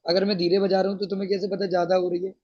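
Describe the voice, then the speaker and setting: A man's voice: high-pitched, little pitch movement, racing. A male teacher explaining a science lesson to students, patiently checking that they follow. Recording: dull lo-fi sound.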